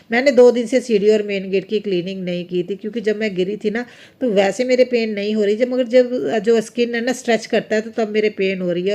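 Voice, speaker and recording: A woman's voice: mid-range voice, a little mellow. A woman in her thirties with a Punjabi-influenced accent, chatting through her home routine in a rambling, homely vlog voice-over. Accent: Punjabi-influenced Hindi. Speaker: homemaker vlogger. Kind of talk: casual voice-over vlog narration.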